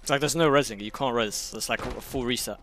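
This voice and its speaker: A young man in casual gaming chat, often repeating his phrases in quick succession. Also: medium pitch, a bit bright, a little hiss or hum. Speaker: gamer.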